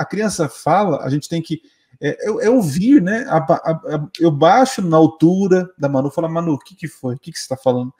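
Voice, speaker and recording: A man's voice: fairly high pitch, darkish tone. A man, a father, chatting casually and animatedly with frequent hesitant restarts. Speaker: father, co-host of the conversation. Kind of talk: casual conversation.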